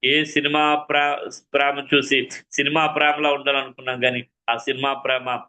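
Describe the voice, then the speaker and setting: Bright-voiced fervent preacher man. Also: medium pitch, level tone, normal speed, dull audio. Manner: fervent, repetitive, addresses listeners often. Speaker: preacher giving his testimony. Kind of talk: testimony sermon.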